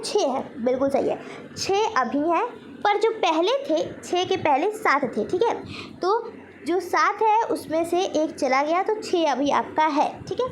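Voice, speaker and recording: Over a little hiss or hum, a woman with a very high-pitched voice teaches general knowledge. As a quiz teacher, she poses each question and then supplies the answer herself.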